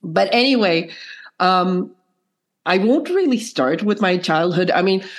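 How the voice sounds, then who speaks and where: Female podcast guest, lowish froggy croak, hoarse with a cold, chatting casually about herself. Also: lively intonation, measured pace. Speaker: podcast guest, filmmaker and choreographer. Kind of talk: interview, casual personal storytelling.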